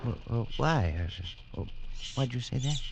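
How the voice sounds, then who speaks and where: A man's voice: mid-range voice, sing-song, a little slow, creaky, noisy background. A man playing a nervous, haunted colonial traveller in an old radio drama, speaking in an agitated, dramatic manner. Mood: alarmed. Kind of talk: 1940s radio acting. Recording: vintage radio recording, loud music behind.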